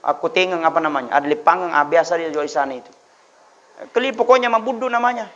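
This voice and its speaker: A man giving a humorous sermon, moving between chatty storytelling asides and loud exhortation. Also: fairly high pitch, quick pace. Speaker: preacher. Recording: dull lo-fi audio.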